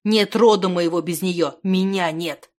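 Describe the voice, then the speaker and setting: A woman's voice: on the low side, unhurried, natural voice. Woman reading as a furious young dragon-man. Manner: shouting, impassioned. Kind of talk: audiobook character reading.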